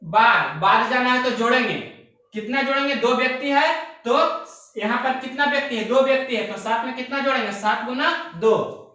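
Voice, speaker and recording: A man's voice: very high-pitched, moderate pace, pushed and bright, lo-fi sound. A young man teaching a math lesson, explaining step by step and often repeating himself and asking rhetorical questions. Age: young adult. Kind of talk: exam-prep math lesson. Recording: very echoey room.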